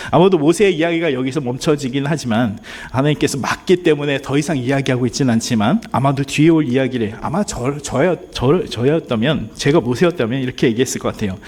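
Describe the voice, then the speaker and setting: A man's voice: mid-range voice, a little mellow, breathy edge. A man preaching a sermon as pastor, earnest and speaking straight to the congregation, at times acting out pleading prayers. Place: church sanctuary.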